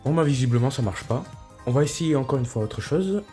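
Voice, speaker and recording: A man's voice: medium pitch, animated, fairly quick, over music. A man casually narrating a tech vlog, laid-back, with lots of hesitations and mild swearing, on a cheap microphone. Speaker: tech YouTuber.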